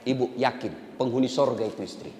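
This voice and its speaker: A man with a Buginese Indonesian accent preaching a humorous sermon to a large gathering, teasing the audience and bursting into loud high-pitched acted lines. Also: brisk. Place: large hall at a public religious gathering. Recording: echoey hall with long reverb, faint noise.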